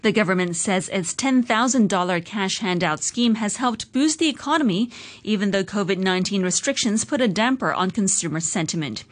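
A woman reads a scripted radio news bulletin, her mid-pitched voice measured and steady. She moves through the headlines like a practiced anchor, with an even newsreader delivery.

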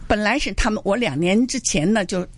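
A woman teaching Mandarin, a guest in an interview, telling stories in a cheerful, animated way and laughing often. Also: mid-range voice, fairly quick, husky. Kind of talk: casual storytelling in an interview.

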